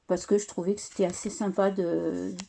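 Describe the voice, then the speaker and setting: A woman with a medium-pitched, dark, creaky voice speaks at a normal pace in a steady tone. She's a scrapbooker casually showing off one of her albums in a relaxed craft tutorial, chatting hesitantly with lots of fillers and restarts.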